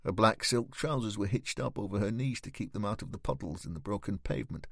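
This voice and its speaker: Brief: male audiobook narrator, gravelly texture, dry close recording, measured pacing. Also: fairly low pitch, expressive, dry recording.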